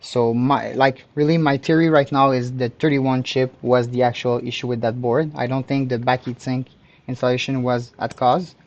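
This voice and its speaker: With a Quebec French accent, this Canadian man talks through a live repair demo as both host and technician, frequently hunting for the right word. He speaks at normal speed with medium pitch, a flat delivery, and a darkish tone, and the audio sounds dull.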